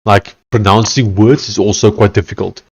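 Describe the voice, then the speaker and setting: A man's voice: on the low side, fairly even intonation, normal speed, breathy edge, lo-fi sound. A man with a broad Afrikaans South African accent and a blocked-nose sound, chatting casually and thinking aloud on a livestream. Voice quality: nasally blocked, mouth-breathing. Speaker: livestreamer coding while building in public.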